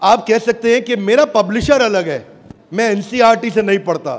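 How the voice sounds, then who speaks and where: A man giving an energetic motivational business speech to a live audience, rallying the crowd. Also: high voice, moderate pace. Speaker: business speaker pitching an app. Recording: echoey hall with crowd noise.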